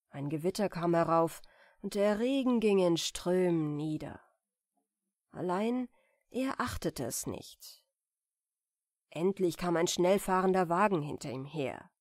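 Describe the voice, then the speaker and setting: A woman reading a fairy tale aloud as a bedtime story, in a soft, calm manner. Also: on the low side, no room sound, clean studio sound.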